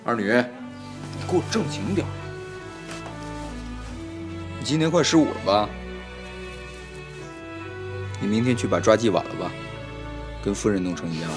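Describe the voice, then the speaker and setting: An actor playing a flustered young master of a household in a comedic period TV drama, scolding and coaxing by turns in an exasperated way. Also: male voice, lowish voice, lively intonation, fairly quick, lightly acted. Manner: exasperated, scolding, jumps between coaxing and alarm. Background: background music.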